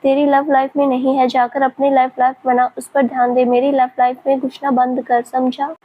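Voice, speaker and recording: A woman reading the lines of a teasing, possessive young male lover in a soft, low-key way. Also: level tone, normal speed, narrow, tinny audio.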